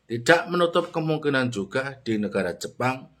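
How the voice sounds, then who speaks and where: A man's voice: medium pitch, expressive, moderate pace, a bit bright. A man giving unscripted video commentary, repeating himself and dropping in small filler affirmations.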